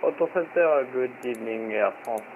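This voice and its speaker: A man making hesitant pilot radio calls to air traffic control over a cockpit headset mic, filling pauses with "uh". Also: mid-range voice, rough recording. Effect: pilot's cockpit radio through a headset mic. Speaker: virtual airline pilot on radio.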